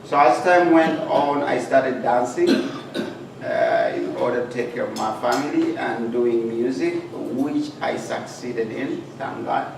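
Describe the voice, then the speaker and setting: This guest speaker from Uganda has a gravelly, mid-range voice and is very animated as he shares his personal life story in a club meeting room. His delivery is earnest and plain-spoken, with pauses. The hall echoes, the mic sits far away, and there's plenty of noise.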